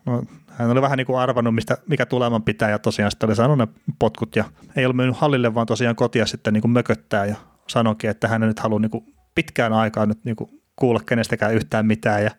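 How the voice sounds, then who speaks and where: A man hosting a casual podcast, telling stories in a relaxed way with frequent fillers. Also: mid-range voice, no echo, clean studio sound. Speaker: podcast host. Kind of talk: casual hockey chat.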